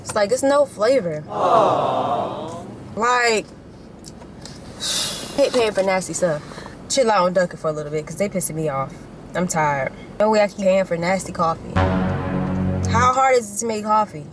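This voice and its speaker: A woman's voice: medium pitch, lively intonation, measured pace, pauses often. A young woman vlogging casually as a mom, blunt and playful, full of slang, talking to her viewers. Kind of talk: casual chat. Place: car and store. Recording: music playing under the voice.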